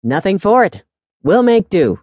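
A woman reading as a jovial, squat old monsignor with a dark, mellow tone, sighing and chuckling at his own jokes. He talks in a close, dry, intimate way, good-humored even when exasperated, in an audiobook story. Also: mid-range voice, unhurried, no echo, pitched above the performer's own voice. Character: jovial squat older male priest, monsignor.

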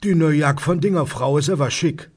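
A man voicing a nosy older male neighbor who gossips in Cologne dialect with a high squeaky voice. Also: brisk, breathy edge. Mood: gossipy.

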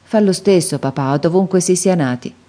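A woman reading the lines of an earnest young man who gently teases his father, in an audiobook. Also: fairly low pitch, moderate pace, pitched above the performer's own voice, lightly acted.

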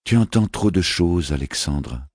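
A man's voice: low voice, lively intonation, a little slow, no room sound, studio quality, pitched above the performer's own voice, full character voice. A man doing a tender, fierce queen mother. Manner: gentle, reassuring, flaring sharply.

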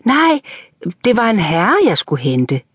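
A woman's voice: mid-range voice, sing-song, husky, no echo, voice pushed up. A woman voicing an older, hesitant male coachman who stammers in an audiobook reading. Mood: puzzled.

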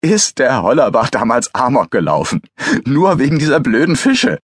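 A man's voice: on the low side, big pitch swings, normal speed, dry recording, studio quality. A man voicing a teasing, jovial male forensic pathologist who needles his grumpy friend in an audiobook. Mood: mocking glee. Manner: gleeful, needling, mock-exasperated.

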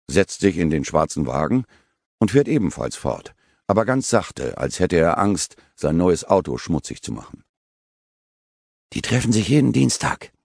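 Audiobook narrator, deep voice, lively intonation, dry studio sound. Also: male voice, creaky, dry recording.

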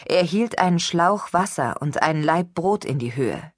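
Audiobook narrator, woman, lowish voice, dry studio sound, steady reading. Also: moderate pace, no room sound. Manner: steady, even storytelling. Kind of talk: scripted narration. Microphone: studio microphone.

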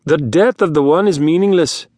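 Man voicing a snooty tentacle alien, kinda high and aloof. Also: fairly even intonation, takes it slowly, dark tone, no echo, clean studio sound. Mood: haughty. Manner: haughty.

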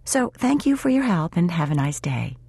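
A woman's voice: fairly low pitch, big pitch swings, normal speed, vocal fry, darkish tone, husky, no echo, voice pushed up, full character voice. A woman voicing a proud, defensive young single mother who talks in clipped, insistent bursts.

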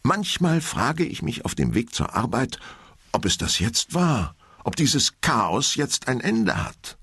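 A man's voice: mid-range voice, very animated, slow pace, a bit bright, slightly rough, no echo, pitched above the performer's own voice, full character voice. Man playing a sly, fawning young man.

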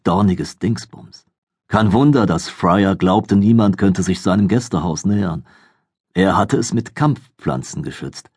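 A man narrating a fantasy audiobook in a calm, measured storytelling manner. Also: fairly low pitch, husky, no echo, clean studio sound.

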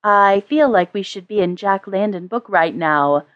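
A woman's voice: medium pitch, a little slow, fairly bright tone, lo-fi sound, natural voice. A woman voicing a wry young woman rider who jokes through her fear. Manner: joking, light sarcasm.

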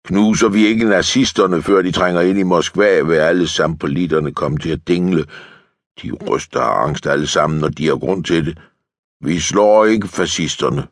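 A bitter, defeatist tank lieutenant talks bluntly and swears freely, as a male narrator plays him. The voice is deep and husky, close and dry. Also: no room sound.

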